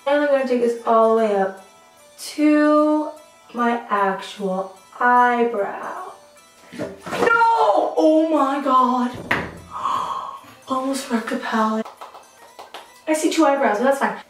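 Filming her makeup routine in a small tiled bathroom, a young woman vlogs casually, teasing herself and laughing often at her own jokes. She speaks slowly in a high, expressive voice, pausing often. The camera mic at arm's length sounds distant, picking up the bathroom's echo and some soft background music.

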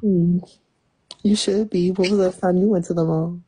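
Husky woman teasing sweetly. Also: lowish voice, steady tone, moderate pace, warm tone. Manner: mock-sweet, teasing, calls people baby. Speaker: live stream participant. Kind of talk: joking banter on a live stream.

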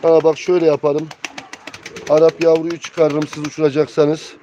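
The host of this live bird auction stream is a man whose fairly high, dark-toned voice shows little pitch movement at a normal pace. He greets viewers and shows birds in casual, colloquial chat, addressing them familiarly. Pigeons and other birds coo behind him in a muffled, noisy recording.

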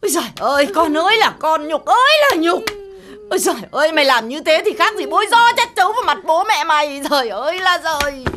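Shrill mum, wailing and scolding, voice jumps around a lot, loud music under it. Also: female voice, big pitch swings, brisk, background noise. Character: scolding village mother, loud and dramatic. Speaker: mother. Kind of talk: slapstick comedy film acting. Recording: film audio with loud music.

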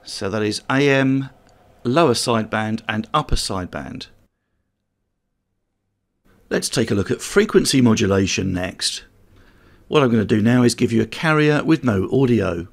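A man's voice: medium pitch, animated, moderate pace, vocal fry, long pauses. A man giving a friendly, step-by-step tutorial on amateur radio. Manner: plain, friendly step-by-step explaining, speaking test counts on air. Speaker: amateur radio course instructor. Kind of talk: explanatory tutorial narration.

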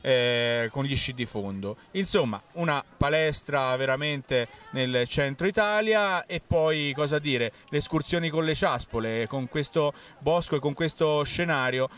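A middle-aged man speaks outdoors on a snowy ski slope in a promotional, eager tone. His voice sits a little back from the mic, and his pitch runs slightly high. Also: animated, measured pace, hardly any pauses, a bit bright, distant mic. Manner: promotional, listing freely. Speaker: interviewee. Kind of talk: outdoor interview.

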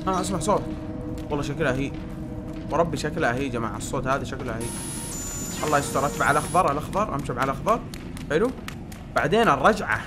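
A man giving excited commentary on a horror game, shouting, jumpy and mixing in English words. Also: on the high side, very fast, long pauses, loud music behind the voice. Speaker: gaming YouTuber playing a horror game. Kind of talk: excited let's-play commentary.

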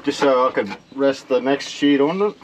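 A man's voice: mid-range voice, normal speed, slight background noise, low-quality recording. A middle-aged Australian man plainly explaining a boat repair as he works, bent over a floor hatch in a small boat cabin. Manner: plain, practical explaining while working. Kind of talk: hands-on work demonstration.

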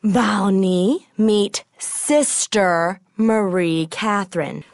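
A woman's voice: mid-range voice, drawn-out words. A woman playing a sarcastic coworker who speaks in a wry tone.

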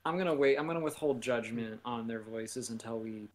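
Male co-host, mid-range voice, measured and hedging, casual chat. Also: mid-range voice. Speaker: podcast co-host. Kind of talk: casual chat reacting to a trailer.

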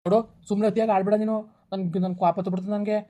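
A woman's voice: mid-range voice, level tone, mellow, natural voice. A woman playing a harsh, dismissive young man breaking up with his girlfriend in a village skit, talking in curt, scolding bursts. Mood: scornful. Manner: curt, scolding, rapid-fire.

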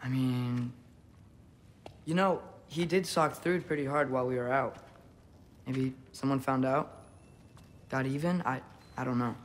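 A man's voice: mid-range voice, fairly even intonation, slight background noise, close to an everyday voice. A young man playing Atreus, an earnest, nervous teenage boy hero in a video game, speaking hesitantly. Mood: nervous, evasive. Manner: hesitant, halting.

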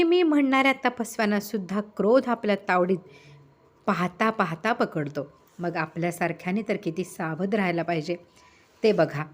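A woman reading the lines of an elderly male saint, speaking slowly and gently in a lively storytelling reading. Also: sits high.

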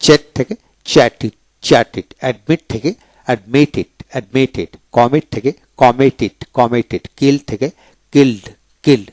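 A man's voice: mid-range voice, moderate pace, a little mellow, no room sound. Man drilling verb forms. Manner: repeats each verb form twice, drilling. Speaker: English grammar teacher. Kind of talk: slow explanatory lesson.

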